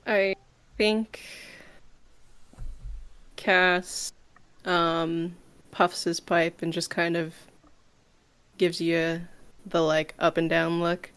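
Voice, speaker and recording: A woman playing a tabletop game, describing her character and chatting in an unhurried way. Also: fairly low pitch, flat delivery, a bit bright, clear, resonant tone. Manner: slow, unhurried, laughs often. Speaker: player.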